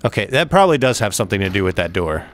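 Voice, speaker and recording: A man giving let's play commentary on a horror game, swearing a lot, rambling and breaking into excited outbursts. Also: fairly low pitch, very fast, a little hiss or hum. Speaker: gaming video host.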